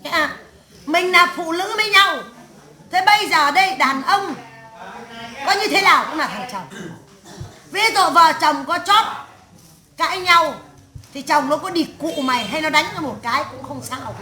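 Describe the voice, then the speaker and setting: A woman's voice: extremely high pitch, animated, normal speed, pauses often, bright, forceful tone, heavily acted. A woman medium voicing the spirit of a stern old great-grandmother in a séance, scolding her family in a harsh, crude tirade full of curses. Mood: ranting. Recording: echoey room.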